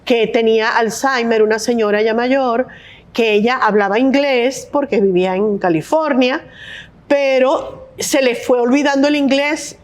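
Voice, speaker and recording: Chatty woman host, slightly high voice. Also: steady tone, measured pace. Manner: friendly, chatty, chimes in with short replies. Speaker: interviewer, host. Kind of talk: casual interview chat.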